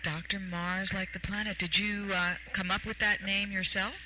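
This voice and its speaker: A woman's voice: mid-range voice, little pitch movement, moderate pace, a crowd in the background, rough recording. A woman hosting a radio talk show, rambling playfully with many fillers and puns. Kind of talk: casual radio chat.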